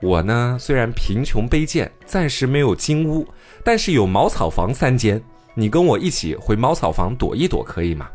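A man voicing a poor, gentle young scholar in a retold folk tale. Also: mid-range voice, very animated, moderate pace, faint music behind. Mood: tender.

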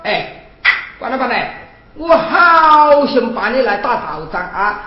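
A woman's voice: a little high, big pitch swings, measured pace. A woman with a Hunan accent playing a cheeky male Taoist priest in flower-drum opera, chanting and teasing in a sing-song way. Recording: roomy, dull stage recording with faint music.

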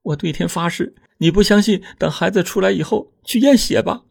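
Guy doing a young wife begging, teary, voice pushed way up high, a bit husky. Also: fairly quick, darkish tone, full character voice. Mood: tearful pleading. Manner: tearful, pleading. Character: frightened pleading young village wife.

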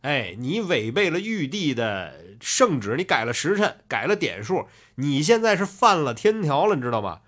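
A man voicing a calm male fortune teller who speaks coolly and lectures. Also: a little high. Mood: sneering. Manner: cool, unhurried, lecturing.

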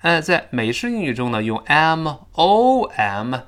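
Animated bright male English teacher. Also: fairly high pitch. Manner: drills pronunciation with slow emphatic repetitions. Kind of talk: spoken English lesson.

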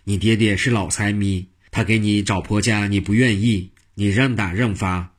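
A man voicing a joking, mischievous old monk in a spoken storybook, with a husky, low voice and a teasing, playful manner. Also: steady tone, normal speed. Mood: mock stern.

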